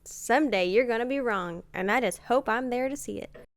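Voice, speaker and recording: A sarcastic, scolding young rebel princess from a storybook puppet show, voiced by a man. The voice sits high and sounds close and dry. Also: normal speed, a bit bright, dry recording. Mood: scornful.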